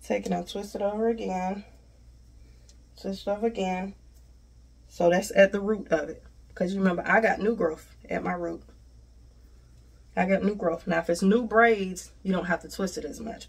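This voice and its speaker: Lowish-voiced American woman, casual tutorial. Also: steady tone, normal speed, vocal fry, darkish tone, husky. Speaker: hair tutorial host. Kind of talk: casual instructional chat. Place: small home bathroom, indoors. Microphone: camera a short distance away. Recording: voice distant from the mic.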